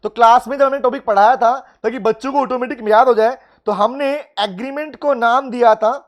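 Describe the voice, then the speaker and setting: Male law tutor, high voice, live online class, coaxes quick answers from students. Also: steady tone, lo-fi sound. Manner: calls out students by name, urges quick replies; mixes English legal phrases into talk. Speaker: law teacher. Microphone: video call.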